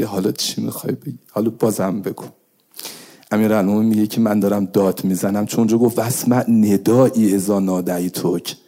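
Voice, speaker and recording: Male preacher, dark warm voice, sermon delivery swinging from soft intimate to impassioned. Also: medium pitch, husky. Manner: swings from hushed intimate pleading to raised cries. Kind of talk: religious sermon.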